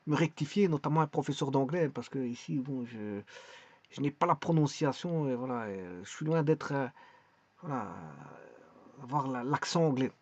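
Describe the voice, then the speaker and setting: A man's voice: mid-range voice, expressive, normal speed, a little mellow, no room sound, highs cut off. A man talking casually in a vlog, presenting a website with many hesitations, restarts and repeated words.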